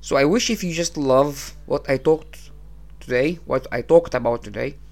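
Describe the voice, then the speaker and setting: Recorded on a modest, inexpensive podcast rig, a man from Egypt hosts a motivational religious talk in non-native English. He speaks unhurriedly in a mid-range, darkish voice, repeating simple phrases.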